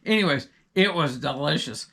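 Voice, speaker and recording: A middle-aged man with a gravelly, slightly raised voice chats loosely on a podcast. He rambles through his stories, sidetracking himself before circling back to the point. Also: a little high, lively intonation, normal speed, sharp tone. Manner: rambling, digressive storyteller. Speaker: podcast co-host. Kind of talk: casual chat.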